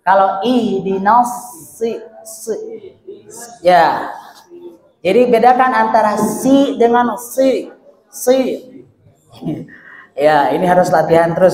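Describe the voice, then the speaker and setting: A man teaches a recitation lesson at an unhurried, deliberate pace. He sounds out each syllable again and again so listeners can copy it. His voice carries a roomy echo from the hall. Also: high-pitched, darkish tone. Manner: demonstrates sounds slowly, repeats syllables. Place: hall at a hospital study gathering.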